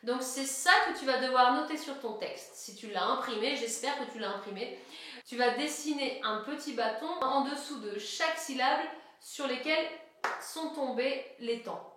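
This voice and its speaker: A woman's voice: high voice, moderate pace, fairly bright tone, slight background noise. A woman giving a singing lesson, explaining each step plainly and speaking straight to the viewer. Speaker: singing teacher. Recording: very echoey room.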